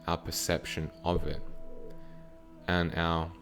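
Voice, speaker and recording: A man with a deep, slightly bright voice delivers a channeled spiritual teaching with guided meditation over soft background music. He speaks slowly and flatly in short, measured phrases.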